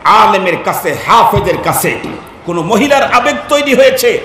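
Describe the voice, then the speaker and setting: A man preaching a fiery sermon, his high voice swinging wildly in pitch as he throws questions at the crowd and breaks into shouts. The sound echoes around him, with a faint noise underneath. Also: big pitch swings, moderate pace. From Bangladesh. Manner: rhetorical questions to the audience, bursts into shouts.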